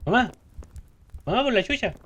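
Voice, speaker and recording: Joking Chilean gaming streamer. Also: male voice, high voice, sing-song, normal speed, fairly bright tone, slightly rough. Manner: casual, joking, reads game text aloud. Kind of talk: let's play commentary.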